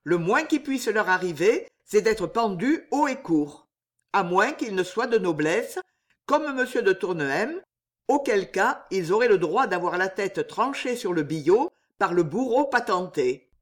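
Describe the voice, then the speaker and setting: Storybook villain: frail, scheming nobleman, low growl, mocking menace, drawn out slowly, voiced by a woman reader. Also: sing-song. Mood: menacing. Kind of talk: audiobook character reading.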